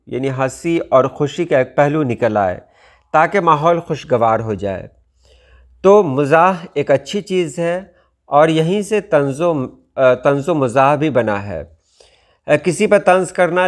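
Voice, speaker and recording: A man with an Indian Urdu accent gives a video language lesson in a slightly high voice. He explains at a measured pace and often pauses to think before he goes on. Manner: measured, explaining with frequent hesitations.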